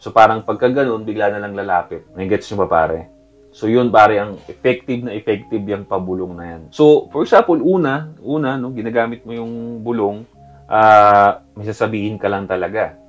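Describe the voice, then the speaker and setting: A man's voice: fairly low pitch, normal speed, faint music behind. A man with a Filipino accent giving casual dating advice to his viewers, chatty and direct, often calling them pare and bro.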